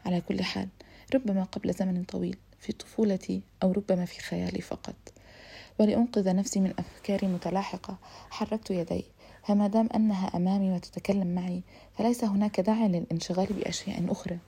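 A woman narrating a literary novel in a reflective, steady way for an audiobook. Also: mid-range voice, fast talker, vocal fry, husky.

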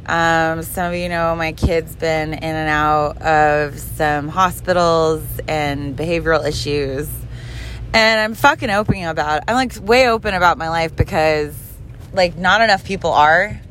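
A woman's voice: low-pitched, measured pace, fairly bright tone, slight background noise. Blunt, swearing woman ranting while driving. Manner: blunt, profane and rambling. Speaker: podcast host and mother. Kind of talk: casual driving vlog rant.

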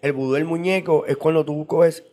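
A man's voice: fairly high pitch, fairly even intonation, moderate pace, warm tone. A man explaining in casual interview talk, at length, with frequent repeats and restarts. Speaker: guest on esoteric topics.

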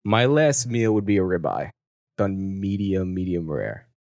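A man's voice: low voice, big pitch swings, measured pace, creaky, a little mellow, no room sound, studio quality. A man co-hosting a casual podcast chat, joking and teasing his friends, swearing freely. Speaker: podcast co-host.

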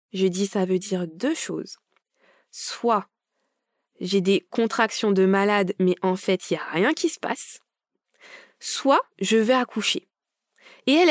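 A woman's voice: medium pitch, dry recording. Young woman telling her birth story, gets emotional, does the voices, dry close mic. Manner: animated, acts out quoted dialogue. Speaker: podcast guest. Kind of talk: casual storytelling.

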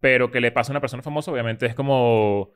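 A man's voice: medium pitch, fast talker, clear, resonant tone. A man with a Venezuelan accent, arguing his point in casual chat.

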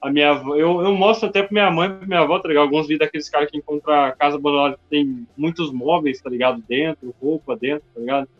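A man from Brazil tells a story fast, his voice sitting a little high and stuffed with slang fillers. The sound is dull and lo-fi, with faint music under it. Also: fairly even intonation. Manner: slangy, peppers speech with "mano" and "tá ligado". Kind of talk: casual chat.

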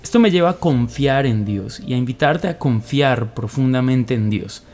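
A man's voice: mid-range voice, animated, moderate pace, a little mellow. Earnest man giving a devotional talk. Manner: earnest, explanatory, with occasional fillers. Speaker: podcast host giving a Bible reflection.

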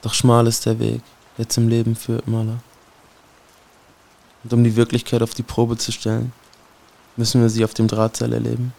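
A man's voice: mid-range voice, monotone, moderate pace, creaky, long pauses, darkish tone. A man performing a spoken-word poem in a solemn, brooding way, speaking directly to someone he addresses. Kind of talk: spoken-word poetry recitation.

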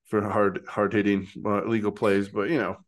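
A man in his forties co-hosting a casual sports chat, rambling, animated and laughing often. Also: lowish voice, moderate pace. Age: 40s. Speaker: podcast co-host.

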